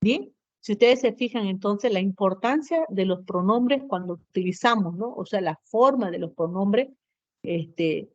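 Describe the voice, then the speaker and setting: A woman's voice: lowish voice, a little mellow, no room sound, muffled recording. A woman teacher giving a grammar lesson to students, explaining step by step, often adding tag questions and fillers.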